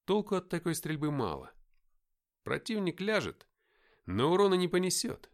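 A man reading a first-person audiobook in a lively, expressive way. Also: sits high, normal speed. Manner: lively, expressive reading with loud acted dialogue. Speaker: audiobook narrator.

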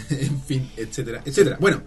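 A man's voice: medium pitch, animated, normal speed, a little mellow, soft background music. A Chilean man hosting a podcast, reading listener messages aloud and chatting casually with friends, laughing often. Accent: Chilean Spanish. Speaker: podcast host. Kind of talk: casual chat.

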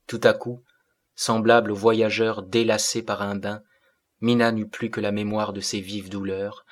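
A man narrating a classic novel as an audiobook in a measured way. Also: lowish voice, a bit bright.

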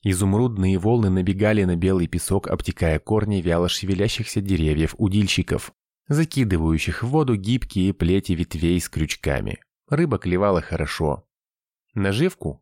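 A man narrating a science-fiction audiobook in an even, measured way. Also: low-pitched, dry recording, studio quality.

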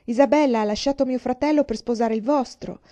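A woman's voice: a little high, a little fast, dark tone, pitched above the performer's own voice, close to an everyday voice. A woman doing an upset, earnest young heroine. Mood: distressed. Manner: pleading, agitated.

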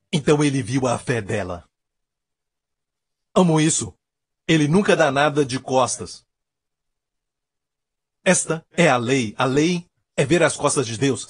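A man's voice: mid-range voice, expressive, measured pace, long pauses, husky, no room sound, studio quality. A man preaching a sermon as pastor, emphatic and repeating his key phrases.

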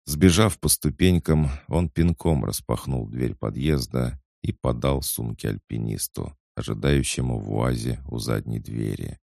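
A man narrates an audiobook in a steady, even reading. His voice is extremely deep, with a gravelly fry running under the words. The sound is dry and close, with no room echo. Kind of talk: scripted narration.

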